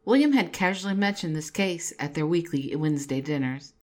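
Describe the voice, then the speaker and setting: A woman narrating her own fan fiction story in an even, measured reading. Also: sits low.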